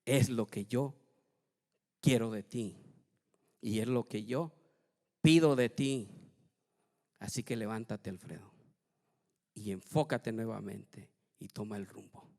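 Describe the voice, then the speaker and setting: A male pastor giving a sermon in Latin American Spanish, swinging from hushed to loud and acting out quoted voices. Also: fairly low pitch, slow, pauses often, in a large hall. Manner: acts out his own and God's words in quoted speech. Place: church.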